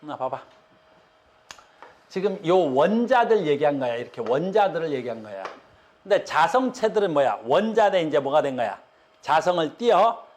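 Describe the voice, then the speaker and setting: A man's voice: a little high, sing-song, moderate pace. A man teaching an online physics lecture in casual speech, often telling students to look and asking whether they understand. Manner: repeats "봐" and "알겠니?" checks to students; casual speech, explaining with drawings.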